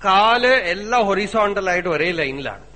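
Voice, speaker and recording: High-voiced Malayali man giving a spiritual discourse. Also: animated, sharp tone, big-room sound. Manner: conversational storytelling with rhetorical questions; slow chanting of Sanskrit verses. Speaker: spiritual teacher. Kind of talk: religious discourse.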